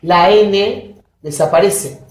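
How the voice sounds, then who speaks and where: A woman lectures at an unhurried pace, stopping often to quiz her students. Her voice comes from across a classroom, picked up by a distant recorder with plenty of room echo. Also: mid-range voice, a little mellow, a little hiss or hum. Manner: keeps checking understanding with quick questions to students. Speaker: linguistics lecturer. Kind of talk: university lecture. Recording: roomy classroom audio from a distance.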